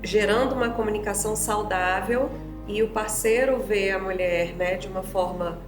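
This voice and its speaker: A woman psychologist with a Brazilian accent, calmly explaining things in a casual interview. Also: medium pitch, normal speed. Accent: Brazilian Portuguese. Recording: roomy sound with music behind.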